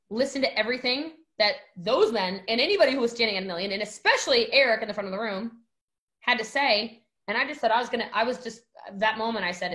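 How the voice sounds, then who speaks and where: A woman in her thirties with a voice on the high side tells a story as a guest in a casual chat. She's animated, acts out the quotes, and uses lots of fillers.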